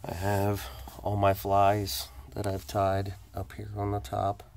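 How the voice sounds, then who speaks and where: A fairly low, gravelly, darkish voice with a completely flat delivery goes slowly through a casual tour of a cluttered home fishing workshop indoors. The man films on a phone he holds himself, listing things matter-of-factly with hesitant fillers. A little hiss or hum is audible.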